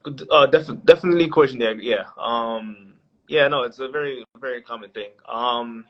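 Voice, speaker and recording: A man in his late twenties speaks as a podcast guest in a casual, rambling way, full of fillers and restarts. His voice is mid-range at normal speed, and the recording sounds dull and lo-fi.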